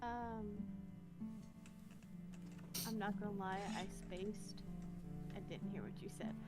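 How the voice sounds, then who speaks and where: A woman's voice: medium pitch, fairly even intonation, takes it slowly, over loud music. A woman chatting casually as a player in a tabletop role-playing game.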